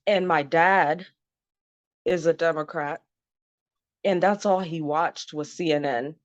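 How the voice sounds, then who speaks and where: Deep-voiced and slow, a woman from Zimbabwe in her thirties speaks with no room sound in a dull, dry, lo-fi recording. As an interview guest, she frankly recounts her own story in a casual way, frequently laughing and using "um" and "you know."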